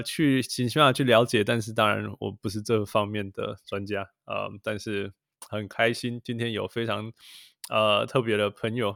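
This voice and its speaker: Creaky-voiced man hosting a podcast. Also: on the low side, fairly bright tone, dry recording, studio quality. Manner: mixes English phrases into Mandarin. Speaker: podcast host. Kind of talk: casual podcast chat.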